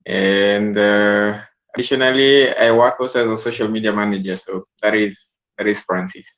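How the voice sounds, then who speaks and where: A man, a charity founder speaking as a guest on a video call, halting and repeating himself. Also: on the low side, steady tone, fairly bright tone, muffled recording. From Kenya. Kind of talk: interview over a video call.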